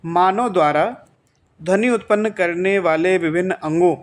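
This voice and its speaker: A man's voice: high voice, moderate pace. A male teacher giving an exam-prep grammar lesson, who asks the class questions, answers them himself and repeats the key points.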